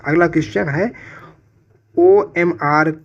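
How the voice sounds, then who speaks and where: A man's voice: fairly high pitch, slow, muffled recording. A man teaching an exam-prep lesson in quiz style. He reads out each question and its options, then says the answer again and again and calls his listeners friends. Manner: asks each question, then repeats the answer several times; addresses viewers as friends.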